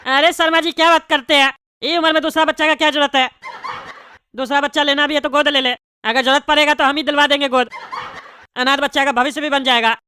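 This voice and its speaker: A woman's voice: sits high, steady tone, fast, bright, forceful tone, dry recording. Woman voicing a pompous bald politician. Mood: consoling. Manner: bossy, rambling, tactless consoling. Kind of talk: cartoon comedy dubbing.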